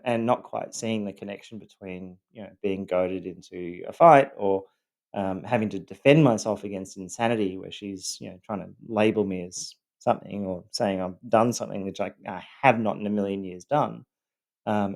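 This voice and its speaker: A man with a fairly low voice speaks in a loosely scripted personal vlog. He talks in a halting way, pausing often and filling gaps with "um". His tone stays earnest as he explains. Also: gravelly, a little mellow. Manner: halting, with many pauses and "um" fillers. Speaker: survivor telling his own story.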